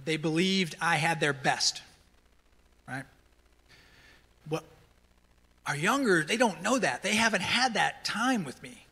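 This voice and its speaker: A man's voice: fairly high pitch, animated, slow pace, long pauses, sharp tone, husky. A middle-aged man, a counselor, gives a conversational church teaching talk and keeps checking in with "right?". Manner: conversational, tags many lines with "right?". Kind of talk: sermon-style teaching talk. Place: large church hall. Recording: long hall reverb.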